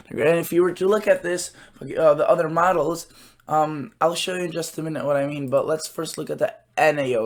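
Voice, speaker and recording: With a medium-pitched, slightly hoarse voice, a man runs his weather channel, stumbling casually through forecast charts and filling pauses with filler words.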